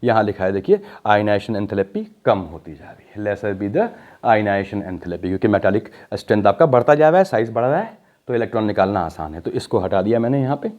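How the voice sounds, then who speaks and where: A man's voice: fairly low pitch, animated, fast. A man teaching chemistry in a recorded lecture. He works through each step with questions to the class and mixes Hindi with English technical phrases, drawing out the key words. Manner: talks the class through steps with rhetorical questions. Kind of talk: explaining at a board in a recorded lecture. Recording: dull lo-fi audio.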